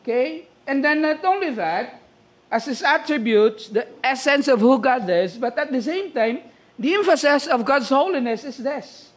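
A man with a Filipino accent preaching a sermon, pausing often to ask "okay?" as he explains. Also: very high-pitched, expressive. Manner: slow, deliberate preaching with frequent "okay?" check-ins.

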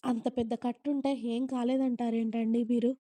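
Woman reading playful sleepy young wife, soft pleading, flat delivery, dry close sound. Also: fairly high pitch, moderate pace, no room sound, natural voice.

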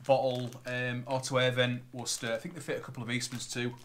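A Northern English plumber talks fast in a level, medium-pitched voice, chatty and matter-of-fact as he rattles off boiler parts while unboxing them for a casual vlog. He sits at a table in his living room, filmed by a tripod camera, with plastic bags crinkling amid a noisy background.

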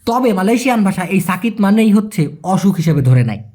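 Husky-voiced man teaching a language lesson. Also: high voice. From Bangladesh. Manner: animated, repeats phrases slowly for learners.

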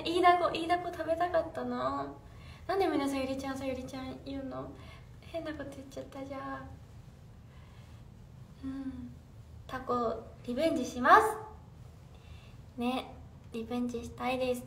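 A woman's voice: high-pitched, fairly bright tone, distant mic. A young woman idol chatting casually on a livestream, reading fan comments aloud and answering them with giggles. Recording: roomy echo, off-mic, faint room noise.

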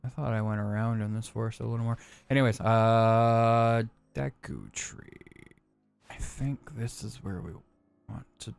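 A man's voice: medium pitch, measured pace, gravelly, clean tone, soft background music. A young man co-hosting a let's play, chatting casually and rambling, swearing freely and joking as he plays. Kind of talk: casual gameplay chat.

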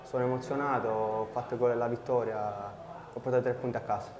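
Young sicilian guy doing a post match player interview, average pitch, echoey. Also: fairly even intonation, fast, darkish tone, muffled recording. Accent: Sicilian Italian. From Sicily, Italy. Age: 20s. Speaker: footballer being interviewed. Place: press backdrop after the match. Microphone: small clip-on mic on polo. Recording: echoey reverberant room.

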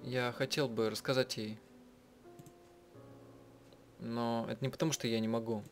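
Voicing and translating a visual novel as he goes, a man with a mid-range voice and level tone chats casually about it. He stumbles and rewords mid-sentence often, while the soundtrack plays behind him.

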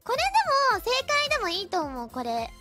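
A woman hosting a playful English quiz, teasing and giggly, reading English examples slowly. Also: extremely high pitch, huge pitch swings, loud music behind the voice. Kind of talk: playful streamer chat.

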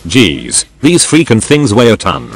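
A man's voice: on the low side, wildly swooping pitch, measured pace, soft background music, full character voice. A man voicing a doubtful, nagging male sidekick in an audio story, questioning and sarcastic.

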